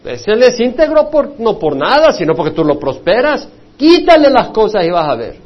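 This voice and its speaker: A man's voice: sits high, big pitch swings, moderate pace, dull audio, pitched above the performer's own voice. A man voicing a sly, scheming male devil who taunts and drags out his words. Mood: taunting.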